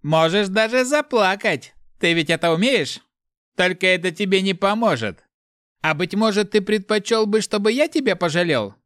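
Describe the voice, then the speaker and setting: Man doing a high, sneering male spirit, storybook villain, taunting and merciless. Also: big pitch swings, normal speed, bright, forceful tone, no room sound, clean studio sound, heavily acted. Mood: mocking. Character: mocking male spirit voice inside a head.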